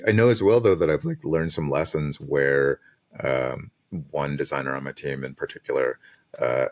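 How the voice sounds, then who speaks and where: A man in his thirties with an exceptionally deep, low voice talks through his experiences in a relaxed, reflective way. He laughs easily and fills his sentences with "uh" and "like" as he thinks aloud. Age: 30s. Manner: relaxed, reflective, laughs often, many fillers like uh and like. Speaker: design manager and podcast guest. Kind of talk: casual conversational interview.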